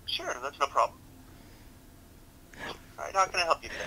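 A young man in tech support talks a customer through steps on a headset during a video support call, polite yet informal. His fairly high, husky voice swings widely in pitch, moving a little fast with a sharp tone, and the recording is rough.

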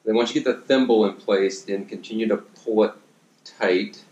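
Guy in his 30s explaining a diy gym build, lowish voice, roomy echo, lots of ums. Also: moderate pace, lo-fi sound. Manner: relaxed instructional, many fillers and restarts; working with his hands while talking. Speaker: fitness coach. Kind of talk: DIY how-to demonstration. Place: home gym, indoors. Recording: echoey room.

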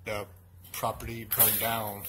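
An urban explorer vlogger walks through outdoor hotel ruins, narrating casually in a loose, rambling way and correcting himself as he goes. His voice is on the low side, slow and monotone, against a noisy background.

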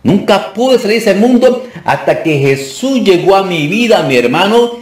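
Male deliverance preacher, fervent call-and-response, slightly high voice, echoey hall. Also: sing-song, normal speed, far from the mic. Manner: breaks into song. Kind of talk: deliverance prayer and sermon. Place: church conference hall.

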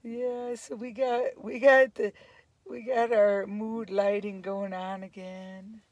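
A woman's voice: medium pitch, little pitch movement, slow, no echo, muffled recording. A woman in her fifties chatting casually to her phone camera while camping in a van, laughing often. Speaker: vlogger. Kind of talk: casual travel vlog. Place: camp van and forest campsite. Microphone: phone at arm's length.

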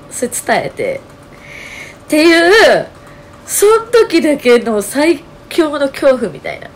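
A woman with a Kansai accent talking casually to her channel, her voice hoarse and nasal, telling her story with lots of fillers. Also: sits high, slight background noise. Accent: Kansai Japanese. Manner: chatty, animated storytelling with many fillers. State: hoarse, strained voice. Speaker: channel host. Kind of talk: casual solo vlog talk.

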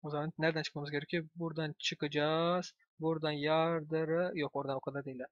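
A young man giving casual let's-play commentary, excitable, talking to himself and swearing at the game. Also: on the high side, very fast, dry recording, lo-fi sound. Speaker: gameplay commentator. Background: game music.

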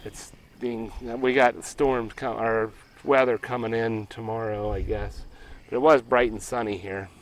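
A middle-aged homestead solar vlogger from Pennsylvania walks through his ground-mounted array in a rural field, rambling plainly and fixing his own slips. The rough recording captures a lowish, steady voice at a measured pace with hardly any pauses.

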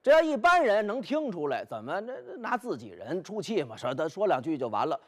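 A man performing traditional storytelling, animated and speaking directly to his listeners. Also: high voice, fairly quick. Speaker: pingshu storyteller.

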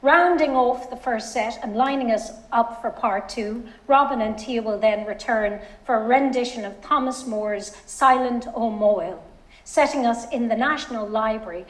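A woman acting as master of ceremonies, introducing an event programme in a clear, announcing manner. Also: on the high side, moderate pace, roomy sound, low-quality recording.

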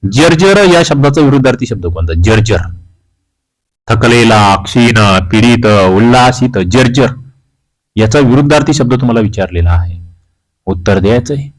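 A man's voice: medium pitch, expressive, normal speed, low-quality recording. Male teacher talking through quiz answers. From Maharashtra, India. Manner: reads options aloud, then explains the answer. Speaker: exam-prep teacher. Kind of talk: quiz walkthrough lesson.

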